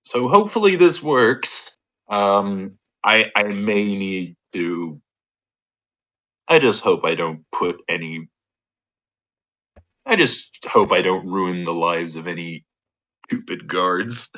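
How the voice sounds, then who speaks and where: A man playing a tabletop role-playing game in casual chat, halting and thinking aloud as he goes. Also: sits low, animated, sharp tone, dull audio. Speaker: tabletop RPG player.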